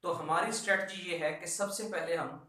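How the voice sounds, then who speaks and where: A man with a Pakistani accent delivers an instructional law lecture to exam students in an echoey room with a whiteboard. His voice sits high, with fairly even intonation, normal speed, and a bright, forceful tone; he is emphatic, repeats key instructions, and mixes in English terms. The very echoey room and distant mic shape the recording.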